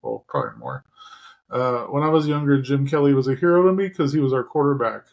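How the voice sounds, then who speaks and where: A man in the middle of his pitch range, speaking haltingly on a podcast and pausing often as emotion catches him. He stops to apologize and then pushes on through the story. The talk is casual and from the heart. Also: very animated, creaky. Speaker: podcast co-host.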